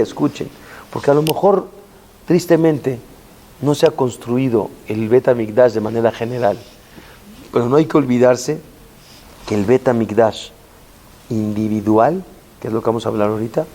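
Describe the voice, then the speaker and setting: A rabbi giving a Torah lesson, telling stories with lively rises and falls and chanting Hebrew verses slowly. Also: male voice, medium pitch. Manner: animated storytelling, voice rising and falling with emphasis.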